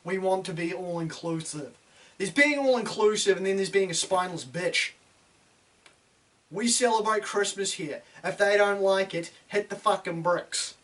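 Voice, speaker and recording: A man's voice: high-pitched, moderate pace, fairly bright tone, recorded from a distance. A man with a broad New Zealand accent delivering a blunt, sweary, sardonic opinion rant, full of slang. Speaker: opinion video host.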